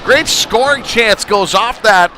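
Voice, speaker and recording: Commentating slowly in a high-pitched voice, a man follows an ice hockey game play by play in clipped, conversational phrases. He's at an indoor rink, and the noisy live stream carries loud background rink noise.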